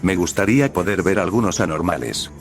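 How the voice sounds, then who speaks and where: A man's voice: deep voice, brisk, faint music behind. A man reading the lines of an eager, eccentric female scientist soldier in a fan-made story, with little change from his own voice.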